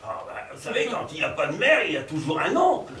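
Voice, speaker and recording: A male stage actor playing a fussy, lecherous middle-aged provincial professor in a live farce, with theatrical, excitable delivery and chuckling asides to the audience. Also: sits high, quick pace, soft background music, heavily acted. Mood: comic. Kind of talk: live stage comedy performance. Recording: roomy stage sound from a distant mic.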